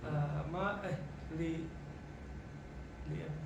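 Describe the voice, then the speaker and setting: A man's voice: a little high, fairly even intonation, slow pace. A male student who answers hesitantly and repeats Arabic phrases after his teacher. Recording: distant, very echoey, noisy.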